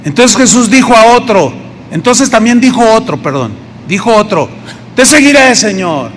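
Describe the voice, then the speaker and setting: High-voiced Mexican pastor in reverberant hall. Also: male voice, animated, moderate pace. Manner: conversational preaching, acts out quotes. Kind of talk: sermon. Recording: long hall reverb, faint noise.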